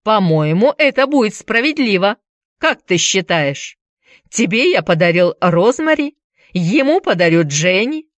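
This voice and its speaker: A woman's voice: medium pitch, sing-song, unhurried, dry recording, clean studio sound. A woman voicing a crazed, cruel man with a knife, hissing and mocking as he gloats. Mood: gloating calm. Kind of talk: audiobook character reading.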